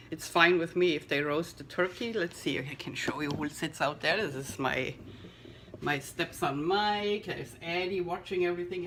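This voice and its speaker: A woman's voice: on the low side, a bit bright, slight background noise. A middle-aged woman chatting casually in her home kitchen for a food taste-test vlog, talking as she eats. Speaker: vegan cooking vlogger.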